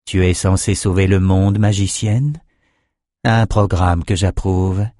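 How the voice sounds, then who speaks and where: A man's voice: low-pitched, fairly even intonation, takes it slowly, dark tone, dry recording, clean studio sound. A man reading an audiobook, voicing a suave, self-assured male sorcerer-ruler.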